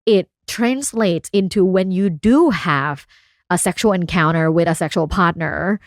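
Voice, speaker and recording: A woman's voice: fairly low pitch, a little slow, dry recording, studio quality. A woman from Thailand, a sex researcher, talking openly and casually as a podcast guest, often laughing. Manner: frank and open, laughs often. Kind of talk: casual interview chat.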